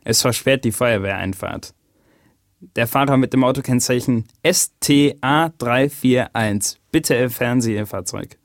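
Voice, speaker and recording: A man's voice: medium pitch, unhurried, dry recording, studio quality. A man reading a public notice in a firm, urgent way. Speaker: announcer. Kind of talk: scripted public announcement.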